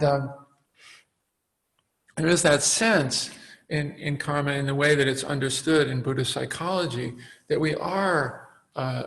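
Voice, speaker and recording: A man giving a dharma talk as a meditation teacher, reflective and halting, with frequent fillers and restarts. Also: on the high side, creaky, fairly bright tone, poor audio.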